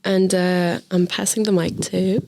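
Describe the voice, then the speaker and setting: A woman's voice: fairly low pitch, level tone, a little slow, vocal fry, mellow. An 18-year-old woman from France, an engineering student speaking thoughtfully and searching for words. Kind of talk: casual podcast chat.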